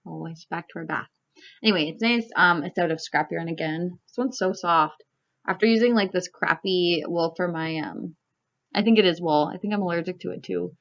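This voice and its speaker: With a lowish voice, vocal fry and an ordinary pace, this young Canadian knitting vlogger chats casually. She drifts from point to point, filling gaps with "like" and "um," and the home recording is a little dull.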